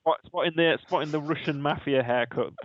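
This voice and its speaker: A Yorkshire man chats at a brisk pace in an informal, matey way, full of slang. His mid-pitched voice sounds like a casual podcast co-host. The recording is close and dry but a little muffled and lo-fi. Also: dry recording. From Yorkshire, England. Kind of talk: casual chat. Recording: dull, lo-fi audio.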